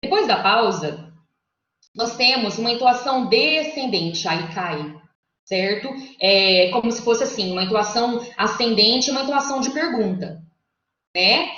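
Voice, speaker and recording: A woman's voice: fairly high pitch, a little slow, pushed and bright. A woman giving an academic lecture over a video call, explaining step by step and often checking in with her listeners. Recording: echoey, muffled online call audio.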